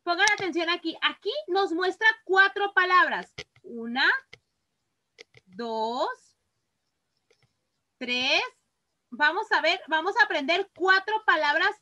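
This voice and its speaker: Very high-voiced Mexican teacher, slow and bright. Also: female voice, animated, dull audio. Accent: Mexican Spanish. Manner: patient, reads words aloud slowly and clearly. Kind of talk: online class for children.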